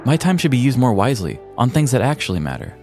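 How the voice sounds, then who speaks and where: An American podcast host reads a scripted comedic story with arch, theatrical mock-seriousness. His medium-pitched voice swings widely in pitch, moving fast with a darkish tone, over faint background music.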